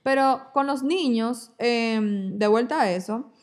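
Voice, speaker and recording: A podcast co-host with a voice on the high side speaks slowly in a casual chat. When telling a story, she animatedly acts out the quoted voices.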